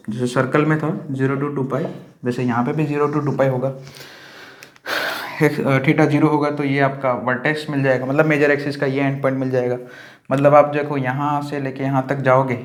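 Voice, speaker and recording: Patient man teaching maths, echoey room. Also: mid-range voice. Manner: patient, repeats key terms, self-corrects. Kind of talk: lecture explaining on a board.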